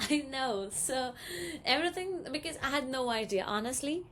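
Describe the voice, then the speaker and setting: A young woman with an Indian English accent, chatting casually in a storytime vlog, acting out quoted lines in a higher voice. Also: expressive, moderate pace, fairly bright tone, slight background noise. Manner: chatty, many ums, acts out quoted dialogue in a higher voice. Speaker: vlogger.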